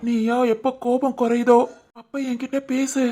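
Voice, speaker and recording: A remorseful middle-aged uncle from an animated family story, voiced by a woman. He speaks with a Tirunelveli Tamil accent and pleads gently for forgiveness. The voice sits rather high for a man. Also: moderate pace, close to an everyday voice. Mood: pleading.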